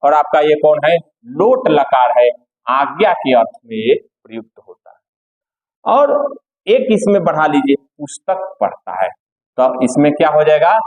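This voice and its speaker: A man teaching a classroom lesson, slow and patient, repeating each step for his students. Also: a little high, sing-song, dull audio.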